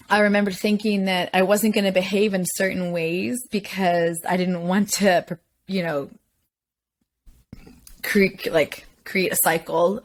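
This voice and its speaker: A woman hosts a podcast and talks in a candid, chatty way, with frequent laughter. Her voice sits at a middle pitch and stays relaxed and conversational. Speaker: podcast host.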